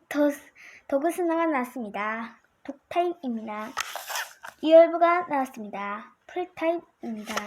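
A child with a high voice presents like an amateur video host. The delivery runs in short, formulaic announcements, one item at a time. There is faint noise and clicking in the recording. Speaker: amateur video host reviewing trading cards. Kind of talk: card-by-card show-and-tell commentary.

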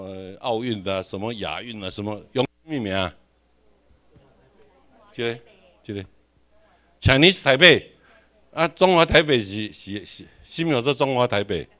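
A man's voice: medium pitch, a bit bright. A man with a Taiwanese accent giving a classroom lecture, questioning the audience and repeating his points.

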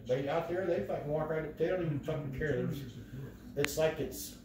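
Fairly quick and on the high side, this storyteller swears freely as he animatedly retells events and performs the quotes. It's a distant phone recording from across a living room, roomy and full of background chatter.

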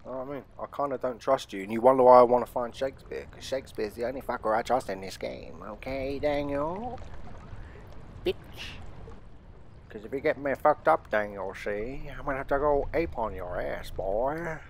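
With faint horror game ambience and slight background noise behind him, a British gamer gives a casual, sweary, slang-heavy let's play. His voice is medium-pitched, and he teases his viewers with joking threats.

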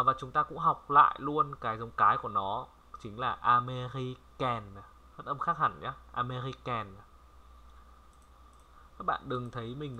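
A man from Vietnam giving a casual language lesson, chatty and repeating words slowly for viewers to copy. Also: medium pitch, highs cut off. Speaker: French language tutor. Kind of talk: casual screen-recorded lesson.

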